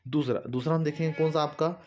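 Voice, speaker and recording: A man's voice: on the high side, steady tone, fast, a little mellow, slight background noise. Man, teacher, exam-prep lesson, repetitive explaining, asks and answers own questions. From Chhattisgarh. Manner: addresses students directly with fillers like "है ना".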